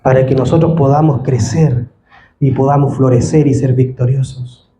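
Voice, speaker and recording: A man's voice: mid-range voice, fairly even intonation, normal speed, dark tone, faint music behind. A man preaching a sermon as pastor, earnest and rising to fervent appeals, recorded on a mic in a church hall.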